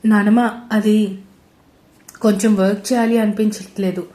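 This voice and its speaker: A woman's voice: medium pitch, level tone, a little slow, mellow, lightly acted. A woman voicing a caring, troubled young man who speaks earnestly, in a roomy-sounding recording. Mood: gentle. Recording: roomy echo.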